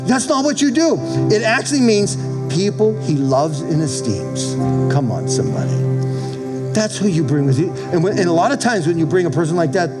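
A man's voice: high voice, sing-song, normal speed, loud music behind the voice. A middle-aged man preaching a conversational church sermon as a pastor, folksy and emphatic, repeating phrases and prompting listeners for amens.

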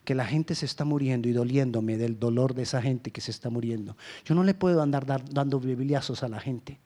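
A Colombian man preaching a sermon as pastor, swinging between loud emphasis and hushed lines. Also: mid-range voice. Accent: Colombian Spanish.

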